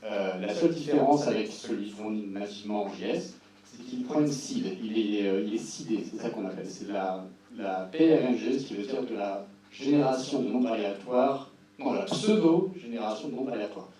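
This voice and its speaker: A man's voice: lowish voice, animated, normal speed, warm tone. A man giving an informal technical presentation as a conference speaker, casual and wry with dry-humoured asides. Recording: roomy echo, distant mic, faint hum.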